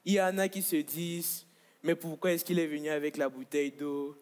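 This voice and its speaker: A man's voice: on the high side, steady tone, a little fast, a little mellow. A man from Congo performing stand-up comedy on a stage, with a playful, boastful delivery. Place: comedy stage with live audience.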